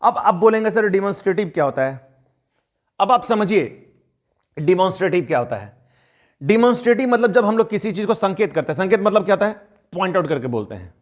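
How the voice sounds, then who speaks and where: A man's voice: high voice, very animated, quick pace. A man teaching a grammar lesson. He explains step by step, asks rhetorical questions and acts out what students would ask. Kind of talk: classroom-style grammar lesson.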